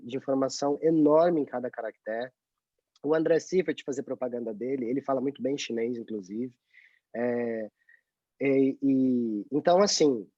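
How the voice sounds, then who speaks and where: A man's voice: mid-range voice, no room sound. A man with a Brazilian Portuguese accent, a guest talking casually and animatedly in an interview over a video call. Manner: chatty, tag questions, animated. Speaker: guest, journalist abroad. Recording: dry, dull lo-fi call audio.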